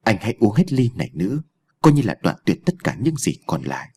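A man's voice: on the low side, big pitch swings, a little fast, a little mellow, husky. A man doing a haughty scheming rich girl. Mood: taunting. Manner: mocking, domineering.

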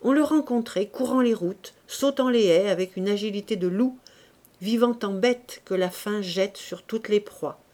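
A woman reads a classic novel aloud at a measured, steady pace. Her pitch sits in the middle of a woman's range, and she tells the story in an even, unhurried way. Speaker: audiobook reader. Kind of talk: literary audiobook narration.

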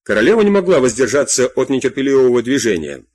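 Male audiobook narrator, expressive, husky, dry studio sound. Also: mid-range voice, fast, dry recording. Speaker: audiobook reader.

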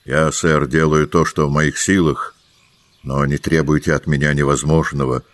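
A man voicing a cunning middle-aged pirate cook in an audiobook, low, measured and deferential. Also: steady tone, dry recording. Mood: guarded. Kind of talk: audiobook character voice.

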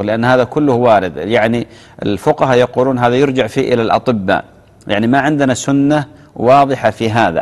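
Reading out viewers' questions on a live TV fatwa program, a male religious scholar with a medium-pitched voice replies with gentle repetition of key phrases. The studio gives his voice a big-room sound.

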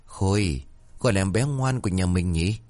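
A man doing a gentle worried young woman. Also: deep voice, normal speed, lightly acted. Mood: coaxing. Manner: soft, coaxing.

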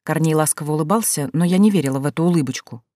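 A woman's voice: low-pitched, racing, mellow, dry recording, studio quality. Woman narrating an audiobook.

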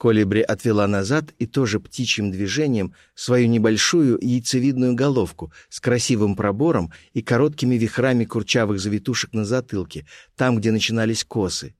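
A man narrating a classic story in a measured, expressive storytelling manner. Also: on the low side, dry recording, studio quality. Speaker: audiobook narrator.

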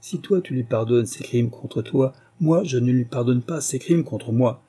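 A man's voice: mid-range voice, unhurried, warm tone, slightly rough. A man voicing a stern, unforgiving king who gives orders in a raised voice in an audiobook reading. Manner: commanding, raised voice.

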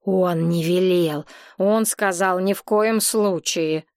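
A woman voicing a tipsy, capricious young woman who talks in a slow, slurred and whiny way, recorded dry and close. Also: on the low side, darkish tone, no echo. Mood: whiny drunk.

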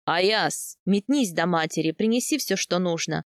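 A woman voicing a stern, authoritative older male khan in an audiobook, speaking in a gruff, commanding way. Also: fairly low pitch, expressive, unhurried, dry recording, studio quality, pitched below the performer's own voice. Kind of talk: audiobook character voice.

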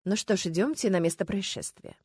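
A woman's voice: medium pitch, a little fast, darkish tone, breathy edge, no echo. A woman voicing an eager, theatrical woman TV journalist with showy presenter patter in an audiobook. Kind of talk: audiobook character voice.

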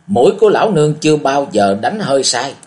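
A man's voice: medium pitch, big pitch swings, quick pace, a little mellow, pitched above the performer's own voice, lightly acted. A man narrating an audiobook, voicing a hideous old woman who speaks with a cold sneer.

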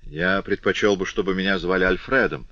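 A man's voice: low voice, brisk, pushed and bright, no room sound, muffled recording. A man voicing a glib, self-assured young lancer officer. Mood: breezy. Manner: jaunty, glib, worldly-wise.

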